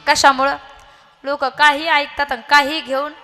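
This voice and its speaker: A woman's voice: high voice, flat delivery, a little slow, bright, forceful tone, soft background music. A woman preacher giving a devotional kirtan sermon, telling stories and building emphasis through repeated phrases. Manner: storytelling with rising emphatic repetitions.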